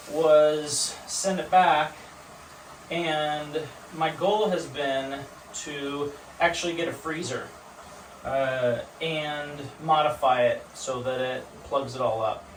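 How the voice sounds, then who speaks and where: A man with a somewhat high-pitched voice talks casually as he instructs from a tub of ice cold water. The bathroom rings with echo, and he sounds a little away from the microphone. He addresses the camera like a home vlogger. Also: steady tone, slow pace, far from the mic. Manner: speaking while sitting in ice cold water. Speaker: vlogger demonstrating ice baths. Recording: echoey bathroom, off-mic, water noise.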